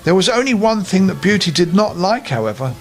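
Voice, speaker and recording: With a high-pitched, creaky voice and a fairly quick pace, an older man tells a fairy tale to children. He reads it animatedly, pausing for friendly asides to his young listeners.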